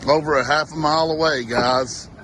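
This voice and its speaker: A man's voice: a little high, steady tone, moderate pace, pushed and bright, some chatter behind. Male storm chaser talking through outdoor noise. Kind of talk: casual on-location chat. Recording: clear wind and water noise.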